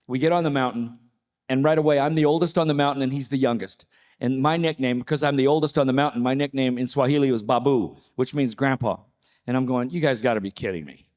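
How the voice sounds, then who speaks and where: A man in his sixties, a panelist telling a personal story with lively, acted-out quotes. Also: mid-range voice, quick pace. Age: 60s. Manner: animated storyteller, acts out quoted voices.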